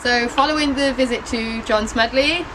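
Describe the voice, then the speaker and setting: A woman's voice: fairly high pitch, moderate pace. A woman who knits, telling about a visit in a casual, upbeat and playful way. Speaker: knitter on a visit. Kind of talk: casual account. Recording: outdoors with traffic noise.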